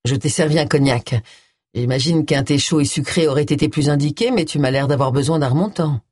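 An audiobook reader voicing a calm, caring middle-aged man with greying hair, speaking a little lower and huskily. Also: fairly quick, slightly rough, no echo, studio quality, close to an everyday voice. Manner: calm, concerned. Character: calm grey-haired man, ex-husband.

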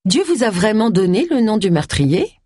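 A blunt, nosy amateur sleuth who keeps pressing people with questions, voiced by a woman reading the story. Her delivery is insistent and rises and falls a lot. The voice is husky and dry. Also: mid-range voice, big pitch swings, normal speed, darkish tone, no echo, pitched above the performer's own voice.

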